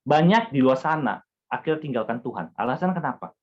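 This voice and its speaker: A man's voice: mid-range voice, a little fast. A man with a Batak accent gives a casual, chatty sermon as a youth pastor and keeps turning to his listeners. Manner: animated, chatty, addresses listeners directly. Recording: dull, lo-fi sound.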